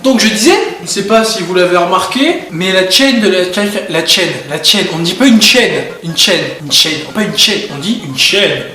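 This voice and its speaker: Young male vlogger, high-pitched, rambling and goofy, echoey room with faint music. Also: moderate pace, hardly any pauses. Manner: goofy, rambling, jumping from topic to topic; bursts loud at times. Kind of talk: rambling comedic vlog.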